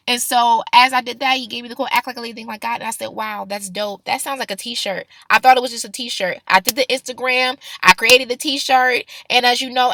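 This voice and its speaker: A woman's voice: on the high side, pushed and bright, dry recording. A woman sharing a personal faith testimony in an upbeat, fervent youth-pastor manner, speaking informally and directly to her listeners.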